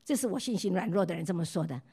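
Woman from Taiwan, middle-aged, sermon with personal testimony, questions put to the listeners, voice that often drops soft. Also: lowish voice, expressive, rapid-fire, creaky, husky. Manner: asks the listeners repeated questions; tells stories warmly and lets her voice drop soft. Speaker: pastor's wife preaching.

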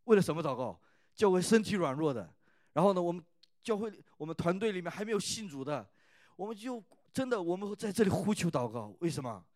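A man gives a sermon at a youth church service, retelling scripture in a chatty tone. His voice sits a little high, and he keeps asking the listeners whether they follow. The recording is close and dry. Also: sing-song, fairly quick, a little mellow, no room sound. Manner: keeps asking the listeners "right?" with many "ah" fillers; retells and rereads scripture in a conversational tone.

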